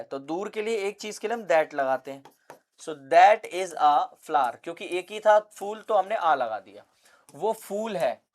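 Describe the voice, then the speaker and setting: A young man teaching English basics with a Hindi accent, asking questions and answering them himself. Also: high voice. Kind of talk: classroom lesson.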